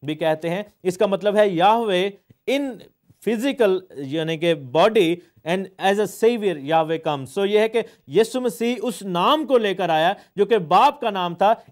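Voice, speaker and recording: Man, pastor, high voice, sermon teaching, hesitant explaining. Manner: explains word meanings, mixes in English phrases, many hesitations.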